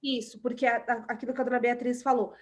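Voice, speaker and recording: Brazilian woman, English teacher, patient and repetitive, slightly high voice. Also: level tone. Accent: Brazilian Portuguese. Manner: patient, repeats example words slowly. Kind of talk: online class explanation.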